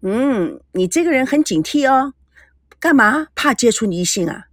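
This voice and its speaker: A woman's voice: on the high side, very animated, normal speed, no room sound, clean studio sound. A woman voicing a brash, teasing young woman in an audio story, playful and bossy. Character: brash teasing young Taiwanese woman, cheeky self-styled beauty.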